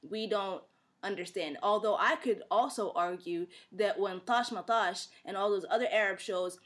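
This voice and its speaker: A woman co-hosting a podcast, ranting in a heated, animated way and quoting people mockingly. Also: medium pitch, normal speed. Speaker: podcast co-host. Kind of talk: casual podcast chat.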